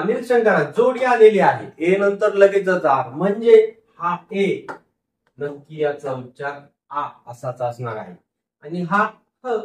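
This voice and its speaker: A man's voice: sits high, a little hiss or hum. A man teaching a phonics lesson, sounding out words syllable by syllable, repeating them and answering his own questions. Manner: asks the class questions and answers them himself. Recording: roomy echo, mic far off.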